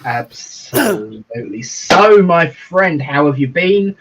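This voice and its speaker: A man with a fairly high voice and big pitch swings co-hosts a livestream as a reverend, chatting easily, chuckling often and drawing out his phrases. He's on a video call with dull lo-fi audio and a crowd in the background.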